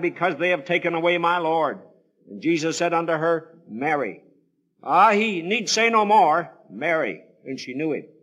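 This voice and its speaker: Slightly high, with a fairly bright tone, this male radio preacher relates Bible stories in dramatic evangelistic sermon fashion. His delivery is solemn, pleading and theatrical, with formal, archaic scriptural wording.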